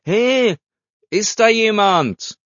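A man's voice: medium pitch, sing-song, normal speed, dry recording. A man voicing a cocky, sporty teenage boy in a storybook reading, bold and teasing. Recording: slightly dull dry recording.

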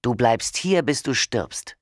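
A man voicing a domineering husband who speaks calmly and firmly with growing menace, in an audiobook reading. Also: mid-range voice, slow, no echo, clean studio sound. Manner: calm, firm, growing menace. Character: cold domineering husband, calm then gloating.

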